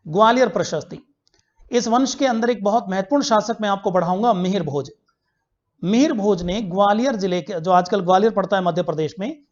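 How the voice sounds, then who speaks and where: Man teaching a history class. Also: high voice. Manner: asks quiz questions and answers them himself; repeats key facts for students to remember. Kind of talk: online class lecture. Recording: dull lo-fi recording.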